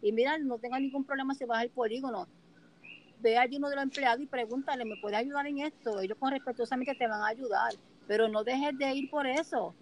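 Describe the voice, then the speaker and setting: Expressive woman telling stories. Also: sits high, a little fast, slight background noise, poor audio. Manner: expressive, acts out dialogue in her anecdotes. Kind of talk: casual chat.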